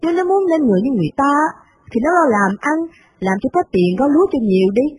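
A woman's voice: high-pitched, big pitch swings, rapid-fire, a little mellow, pitched above the performer's own voice, low-quality recording. A woman voicing a domineering old rich mother, blunt and scolding. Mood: indignant.

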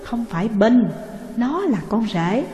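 A woman doing a gentle placating older mother. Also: fairly high pitch, big pitch swings, takes it slowly, muffled recording. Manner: soft, placating. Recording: echoey room with long reverb.

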